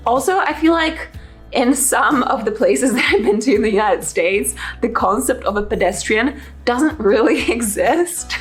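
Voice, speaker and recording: A young woman from Poland, raised in England, telling travel stories in an animated vlog from her living room. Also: a little high, measured pace, soft background music. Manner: bubbly, animated storytelling. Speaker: travel YouTuber.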